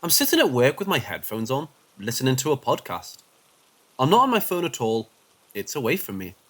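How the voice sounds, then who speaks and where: Reading from a script, a man narrates paranormal stories as if they happened to him, going quiet and deep when things get tense.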